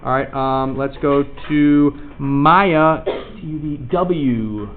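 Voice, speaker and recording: A man's voice: a little high, takes it slowly, slight background noise. A man teaching a class, casually calling on students one by one and encouraging their answers. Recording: tinny lo-fi recording with class chatter. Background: students chattering.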